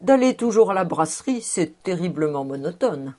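A woman's voice: on the low side, very animated, normal speed, dark tone. A woman reading the part of a bored, good-humored young man in a storybook, in a wry, easygoing way.

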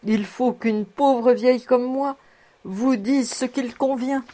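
A woman's voice: a little high, steady tone, slow pace, mellow, voice pushed up. A woman voicing a fussing, cheerful old housekeeper in her sixties who chuckles as she coaxes. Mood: coaxing. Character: cheerful old female housekeeper, sixty-four, toothless.

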